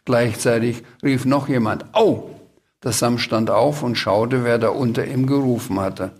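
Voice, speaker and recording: A man reading his own children's story aloud at a live festival event. He tells it in a lively, chatty way and sometimes turns aside to explain things to the listeners. His voice sits in an ordinary middle range. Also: medium pitch, moderate pace, slightly rough.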